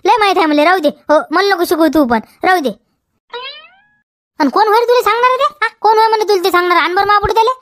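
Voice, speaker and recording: A woman voices a quarrelsome, defiant village wife for a comedy sketch, in a Vidarbha Marathi accent, arguing back and repeating questions ending in "हा?". Her pitch is extremely high, her pace quick and her tone fairly bright, with a clean, echo-free studio sound.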